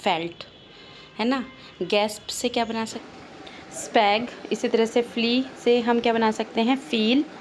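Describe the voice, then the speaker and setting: A woman's voice: fairly high pitch, little pitch movement, a little slow, a little hiss or hum. A woman teacher with an Indian English accent, patiently explaining a lesson and answering her own questions. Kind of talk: online class lesson.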